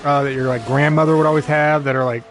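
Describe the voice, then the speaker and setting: A man's voice: fairly high pitch, fairly even intonation, quick pace, soft background music. A young man chatting casually to viewers and a friend while streaming a racing management game, rambling and easygoing. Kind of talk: casual live-stream chat.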